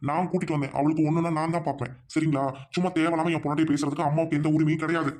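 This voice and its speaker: A firm young husband, played by a man. He talks fast and stands his ground in a family drama. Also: a little high, flat delivery, darkish tone, close to an everyday voice. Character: young husband leaving home with his wife.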